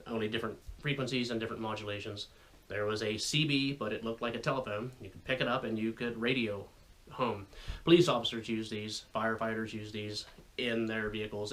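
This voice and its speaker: An American radio hobbyist who hosts videos explains things to viewers in an informal, folksy, conversational way full of rambling asides. His voice is mid-range with a fairly bright tone.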